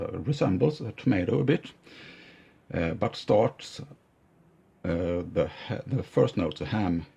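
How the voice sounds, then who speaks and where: A middle-aged man teaching piano, explaining calmly with hesitant "uh" pauses and loudly chanting rhythm words as he plays. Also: low-pitched, gravelly, slightly rough. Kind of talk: explanatory music lesson. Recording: dull lo-fi sound with loud piano. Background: piano playing.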